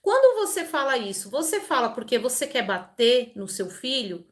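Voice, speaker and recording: Higher-voiced woman reading scripture. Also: big pitch swings, normal speed. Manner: conversational, explains with everyday examples, frequent tag questions. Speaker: Bible reader and channel host. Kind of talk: scripture reading with informal commentary.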